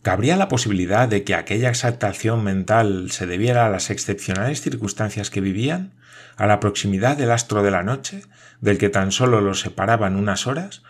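Low husky dude reading a novel aloud, steady and measured. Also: male voice. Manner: measured storytelling. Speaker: narrator. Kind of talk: audiobook narration.

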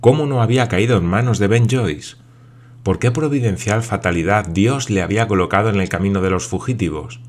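A man reading a classic adventure novel aloud as narrator, measured and dramatic. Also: on the low side, darkish tone. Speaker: audiobook narrator. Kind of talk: scripted narration.

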